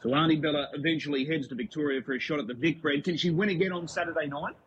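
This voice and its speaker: A man's voice: fairly high pitch, steady tone, quick pace, fairly bright tone. A man with an Australian accent conducting a sports interview on racing, putting articulate questions packed with facts. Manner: articulate, fact-heavy questioning. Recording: dull lo-fi audio with noise.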